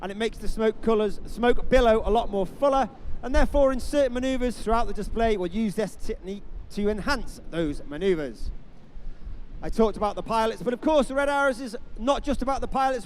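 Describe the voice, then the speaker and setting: Guy doing airshow commentary, really high voice, hypes up each move like an announcer, bit of noise behind him outside. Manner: announcer-like, building up each manoeuvre. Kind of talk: airshow commentary over a public address. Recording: faint noise outdoors at an airshow.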